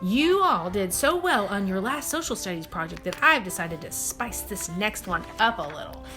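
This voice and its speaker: A woman playing an encouraging, upbeat schoolteacher addressing a class in an animated film. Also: mid-range voice, normal speed, faint music behind. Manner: clear instructing, addressing a class.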